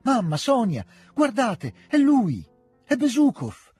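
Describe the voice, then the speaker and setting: An exuberant young noblewoman, put on by a male reader in a spoken-word novel reading, her lines leaping up high in eager, breathless exclamations. The voice stays very husky under the lift, and the recording is close and dry. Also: big pitch swings, unhurried, darkish tone, no echo, faint music behind, heavily acted. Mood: excited.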